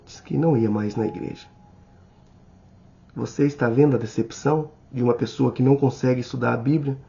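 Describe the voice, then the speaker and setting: A man with a Brazilian Portuguese accent teaching a Bible study in a sermon style, speaking slowly and deliberately and addressing the listener directly. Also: medium pitch, fairly even intonation, vocal fry, mellow. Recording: slightly dull recording with faint music.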